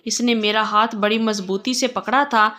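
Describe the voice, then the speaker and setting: A woman telling a first-person story in a steady, plain storytelling way. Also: mid-range voice.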